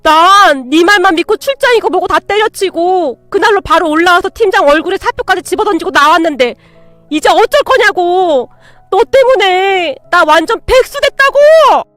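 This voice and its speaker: A woman voicing a hotheaded, greedy young ex-boyfriend who yells and makes demands in a spoken story. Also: very high-pitched, lively intonation, normal speed, no echo, soft background music, pitched above the performer's own voice. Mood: furious. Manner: shouting, drunk and demanding.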